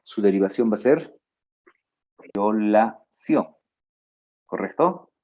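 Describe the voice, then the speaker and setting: A male teacher giving a spelling lesson, drawing out his words slowly and adding playful asides to his students. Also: fairly low pitch, expressive, highs cut off. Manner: slow, drawn-out words, playful asides to the listener.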